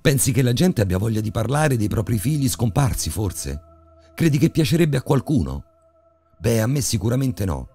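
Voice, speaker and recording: A man's voice: rumbling low, huge pitch swings, fairly quick, dark tone, husky, soft background music, heavily acted. A man voicing an irritable middle-aged woman librarian in a horror audiobook, curt and scolding. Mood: angry.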